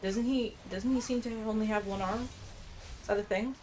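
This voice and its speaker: At normal speed and in a steady, medium-pitched voice, a woman streams a game, reading out bits of quest text and thinking aloud in a relaxed, informal way. Faint background noise and game ambience sit beneath her.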